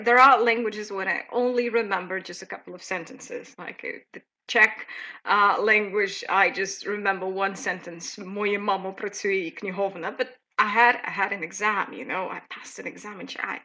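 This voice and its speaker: A woman in her thirties with a Russian accent and a medium-pitched voice hosts a live teaching webinar. Her delivery is chatty and lively, peppered with fillers.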